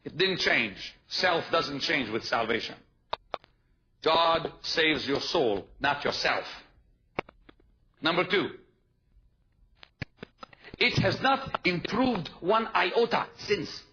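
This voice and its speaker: A man's voice: a little high, very animated, slow, long pauses, sharp tone. A man preaching a sermon, driving his points home by repeating them and calling out to the congregation. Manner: emphatic, repeats key points, asks the congregation to respond. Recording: dull, noisy live sermon recording.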